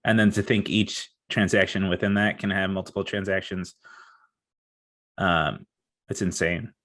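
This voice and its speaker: A man's voice: deep voice, steady tone, a little slow, fairly bright tone. A man co-hosting a casual podcast, talking with enthusiasm and rambling, with lots of fillers. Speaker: crypto podcast co-host. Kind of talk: casual chat.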